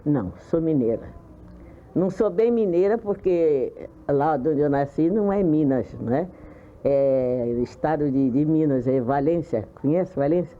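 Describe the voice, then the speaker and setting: A woman in her seventies from Brazil, calmly reminiscing in an oral history interview. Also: low-pitched, phone-quality sound. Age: 70s. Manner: plain, unhurried reminiscing. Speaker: interviewee recalling her childhood.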